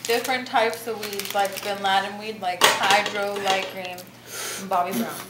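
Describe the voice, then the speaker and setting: A woman's voice: mid-range voice, level tone, normal speed. A stoned woman rambling and giggling among friends, filling her talk with "like". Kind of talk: casual chat among friends. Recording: echoey room with loud clattering noise.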